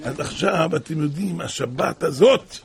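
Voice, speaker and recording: A man preaching a sermon, impassioned, moving between hushed tones and crying out. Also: a little high, animated, creaky, a little hiss or hum.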